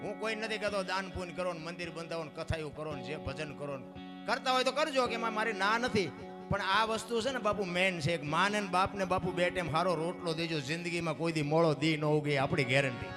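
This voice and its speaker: A man telling folk tales and preaching to a live crowd in an animated way, with music behind. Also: high voice, brisk. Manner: animated, preaching, addresses listeners as bapu. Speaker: folk storyteller. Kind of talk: folk storytelling sermon at a live program.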